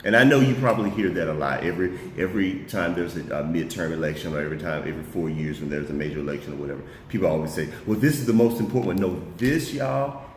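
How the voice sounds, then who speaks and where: A man with a very low voice argues heatedly in a talk-show discussion. He repeats words as his anger builds and addresses listeners as y'all. The room is echoey, with a faint noise beneath him. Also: fast talker. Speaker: co-host. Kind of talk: impassioned political discussion.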